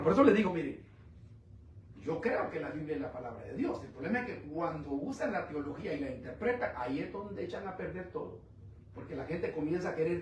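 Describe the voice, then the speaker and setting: Brief: male preacher, high voice, rhetorical questions, loud-to-quiet swings, distant mic. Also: a little hiss or hum. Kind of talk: sermon. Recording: echoey room, mic at a distance.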